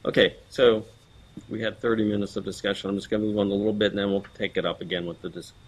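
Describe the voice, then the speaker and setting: Low-voiced man chairing a board meeting. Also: little pitch movement, fast, slightly rough, rough recording. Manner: procedural, with frequent ums.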